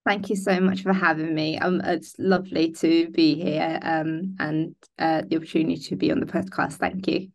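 A woman's voice: low voice, little pitch movement, moderate pace, gravelly, hardly any pauses, highs cut off. A young woman born in Denmark, a business founder speaking in a video call interview, hesitant with many ums and restarts. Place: indoor room. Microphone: laptop webcam on a video call.

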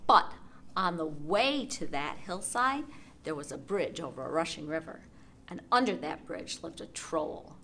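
Library storytime reader, woman, very lively pitch, bright voice, sing-song telling. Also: measured pace, slight background noise. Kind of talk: storytime read-aloud.

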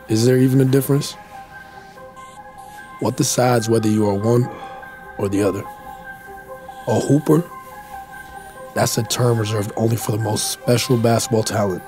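A man reading a scripted documentary voice-over in a measured, questioning way. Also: fairly low pitch. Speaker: documentary narrator. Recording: music bed behind the voice.

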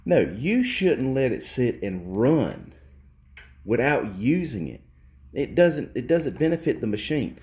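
A man's voice: mid-range voice, sing-song, takes it slowly, a little mellow. Blunt, lecturing workshop repair man. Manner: blunt, lecturing, repeats himself for emphasis. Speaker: repair technician. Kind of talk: hands-on repair demonstration. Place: cluttered workshop. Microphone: handheld phone camera close to the work.

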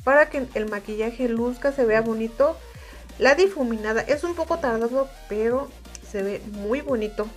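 Woman, Mexican Spanish accent, high pitch, calm step-by-step makeup tutorial, soft music underneath. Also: normal speed. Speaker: makeup reviewer.

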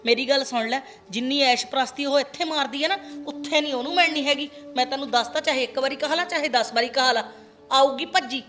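An actress playing a sharp-tongued village mother who scolds her grown son. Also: sits high, fast talker, lightly acted. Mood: scolding. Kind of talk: Punjabi web series acting.

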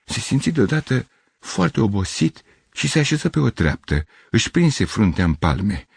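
An older man narrating a literary audiobook in an expressive reading voice. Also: fairly low pitch, creaky, slightly rough, dry recording, studio quality. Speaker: audiobook reader.

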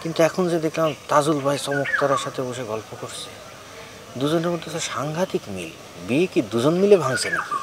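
A man's voice: on the high side, lively intonation, fairly quick, heavy background noise, lightly acted. An actor playing a gossipy, boastful village young man in a comedy TV drama.

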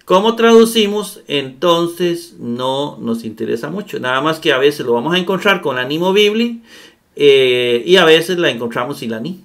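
Man teaching grammar, somewhat high voice. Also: animated, moderate pace, fairly bright tone. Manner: patient step-by-step explaining, often checking with "¿verdad?". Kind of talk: recorded grammar lesson.

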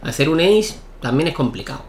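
Excitable gamer with a light voice. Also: male voice, fairly high pitch, a little fast. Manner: excitable, shouts at key points. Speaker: gaming YouTuber. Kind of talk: live gameplay commentary.

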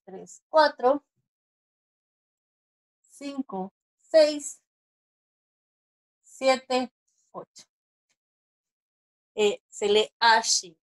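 A woman teaching a class over a video call, patiently counting strokes aloud and often checking in with her listeners. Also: a little high. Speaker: Japanese teacher. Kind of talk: online class explanation.

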